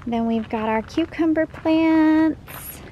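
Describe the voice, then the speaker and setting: A woman's voice: sits high, slow, mellow, poor audio. A young woman giving a casual, enthusiastic tour of her backyard vegetable garden, filmed outdoors on a handheld camera while she walks. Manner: chatty and enthusiastic, pointing things out as she walks. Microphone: handheld camera, filming while walking. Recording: outdoor camera audio with clear background noise.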